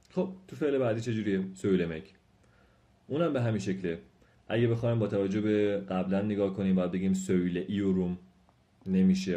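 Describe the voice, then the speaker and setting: A man gives a language lesson in a deep voice with a mellow, dark tone. He explains each point patiently and says the example sentences slowly, repeating them. He speaks to his viewers politely and formally. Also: dull audio. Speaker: language teacher. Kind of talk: spoken lesson.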